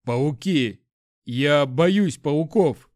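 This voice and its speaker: A man's voice: mid-range voice, normal speed, dry recording, clean studio sound, close to an everyday voice. A man reading an audiobook, voicing a jittery young man who is bossy but terrified of spiders. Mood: panicked. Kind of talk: audiobook character voice.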